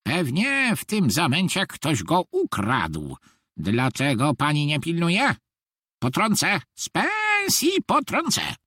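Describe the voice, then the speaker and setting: Storybook: a reader doing a shrill, scolding shop owner, husky and swooping. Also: huge pitch swings, slow, sharp tone, no room sound, studio quality, full character voice. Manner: screeching, scolding. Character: stingy shrill woman toy-shop owner. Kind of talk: storybook reading.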